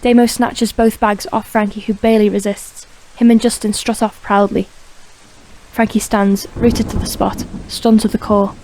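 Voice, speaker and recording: A woman narrating an audiobook crime drama in a steady, even reading voice. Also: mid-range voice, normal speed, a little hiss or hum. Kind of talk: scripted narration.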